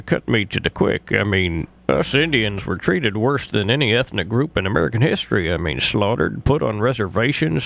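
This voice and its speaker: Creaky, deadpan indignant chief played by a man. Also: mid-range voice, full character voice. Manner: halting, deadpan, sweary. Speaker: prank caller. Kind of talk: deadpan prank phone call.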